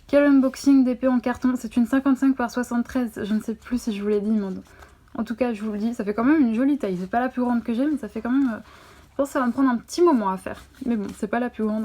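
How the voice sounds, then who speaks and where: A woman's voice: a little high, warm tone. A woman from France chatting enthusiastically to camera while unboxing a craft kit, with many fillers, filmed on a phone. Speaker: vlogger unboxing a diamond painting kit. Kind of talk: casual unboxing chat to camera.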